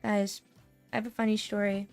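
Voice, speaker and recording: A young American woman streaming a casual chat, telling stories in a lively way, laughing often and swearing freely. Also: medium pitch, normal speed, creaky, faint music behind. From United States.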